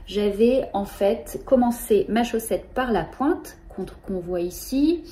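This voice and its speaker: Give me a middle-aged woman hosting a knitting vlog, warm low tone, hesitant. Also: animated, slow. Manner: hesitant, many fillers. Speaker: knitting podcast host. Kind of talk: casual show-and-tell.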